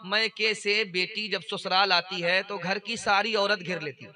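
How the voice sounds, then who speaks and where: A man's voice: high-pitched, steady tone, unhurried, bright, forceful tone. A man preacher giving a sermon, telling a story with dialogue and repeating his advice phrase by phrase. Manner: repetitive, exhorting, voicing mother and daughter in dialogue. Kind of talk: sermon with storytelling and sung verse.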